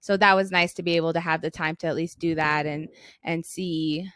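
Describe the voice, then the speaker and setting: A woman's voice: low-pitched, steady tone, brisk, fairly bright tone, no echo, studio quality. A young American woman from Arizona co-hosting a podcast in a casual, reflective way, with thoughtful, hesitant phrasing. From Flagstaff, Arizona, United States. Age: young adult. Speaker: podcast co-host.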